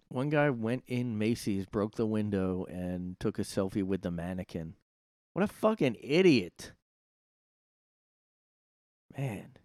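Low, smooth-voiced man ranting casually. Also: no room sound, studio quality. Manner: rambling, profane, with sudden loud outbursts. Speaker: podcast host. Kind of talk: casual solo monologue. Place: his room.

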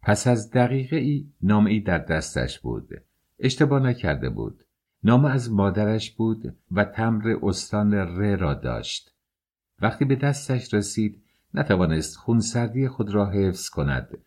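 A man reading a classic novel aloud as an audiobook narrator, in a measured, expressive way. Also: fairly low pitch. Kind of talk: scripted literary narration.

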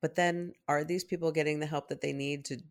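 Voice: medium pitch, steady tone, fairly quick. Reflective therapist podcast co-host. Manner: reflective, explaining, thinks aloud. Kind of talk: casual chat.

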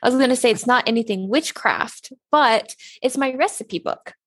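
A woman's voice: fairly high pitch, normal speed, no echo, clean studio sound. A young woman co-hosting a podcast in casual chat, talking loosely with lots of "like" and restarts. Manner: chatty, frequent "like" and "quote unquote". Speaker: podcast co-host.

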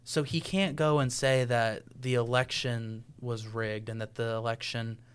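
A man's voice: mid-range voice, unhurried, clean tone. Joking young man, college student. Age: young adult. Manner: relaxed, joking, thinks aloud. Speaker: podcast co-host. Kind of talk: casual political chat.

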